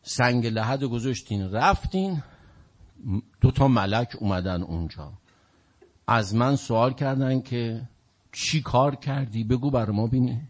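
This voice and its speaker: Earnest, husky pious scholar voiced by a male preacher, loud and emphatic. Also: mid-range voice, lightly acted.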